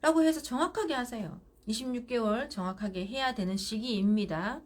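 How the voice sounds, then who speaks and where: A woman's voice: on the high side, a little fast. A middle-aged woman hosting live parenting advice, speaking firmly and directly and acting out parent-child exchanges. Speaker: parenting counselor.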